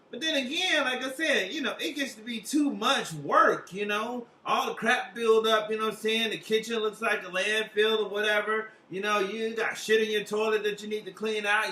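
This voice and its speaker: A man's voice: high voice, moderate pace, few pauses, sharp tone. A man hosting a comic advice hotline, talking in a rambling, slangy, profane and casual way. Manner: profane, slangy, rambling, repeats tag questions. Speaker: comedic tarot advice hotline host. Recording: roomy echo, distant from mic.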